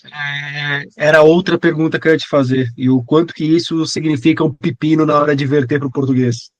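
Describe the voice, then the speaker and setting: A man's voice: on the high side, steady tone, a little fast. A man hosting a podcast, asking a guest loosely phrased questions in casual conversation. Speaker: podcast host, interviewer.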